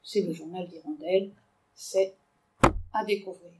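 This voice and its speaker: A woman giving an animated book talk to an audience, with hesitations as she summarizes the plot. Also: lowish voice, unhurried, very noisy. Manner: animated, digressive, with frequent hesitations. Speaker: literature lecturer. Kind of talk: book talk with read-aloud excerpts. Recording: echoey room, mic far off.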